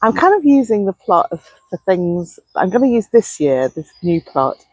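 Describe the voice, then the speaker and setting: A woman's voice: mid-range voice, very animated, moderate pace, husky, no room sound, poor audio. A woman talking casually and chattily outdoors, as if keeping a gardening video diary. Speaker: allotment gardening vlogger. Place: outdoors on an allotment.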